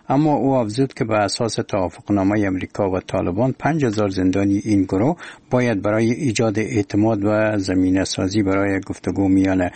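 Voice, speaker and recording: A male radio newsreader with an Afghan accent delivers formal scripted news in a solemn, measured way. His voice sits fairly low. The close studio sound is very dry. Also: darkish tone, dry recording. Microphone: close studio microphone.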